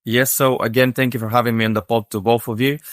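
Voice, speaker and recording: A man from Bulgaria, Bulgarian his first language, calmly answering as a podcast guest and explaining his work with many "uh" fillers. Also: medium pitch, fast, dry recording, studio quality. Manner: steady, methodical, many "uh" fillers. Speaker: podcast guest, hospitality consultant. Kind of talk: casual interview answer.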